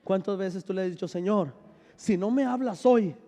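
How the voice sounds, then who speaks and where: High-voiced pastor preaching in a reverberant hall. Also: male voice, moderate pace, mellow. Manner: preaching with call-and-response, joking asides. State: unwell, says he is sick. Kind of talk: sermon.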